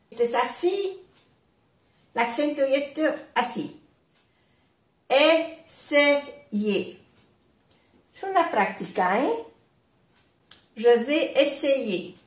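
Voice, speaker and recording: Slow, echoey older woman teaching. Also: high-pitched, darkish tone, far from the mic. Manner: speaks each word slowly and clearly, repeating it for learners to echo. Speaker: language teacher. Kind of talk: slow, repetitive vocabulary lesson.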